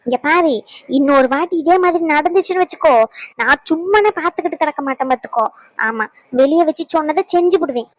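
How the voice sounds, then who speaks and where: A woman's voice: high voice, fast talker, no echo, natural voice. A woman voicing a blunt, bossy older mother-in-law in a cartoon, who lectures and scolds. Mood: scolding. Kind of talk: cartoon voice acting.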